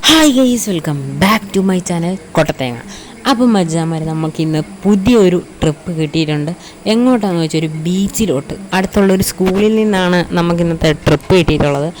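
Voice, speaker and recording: A gaming channel host, a woman with a Malayali accent, gives casual gameplay commentary, mixing Malayalam with English words and chummily calling viewers buddies. Her voice is lowish and warm, with a little hiss or hum.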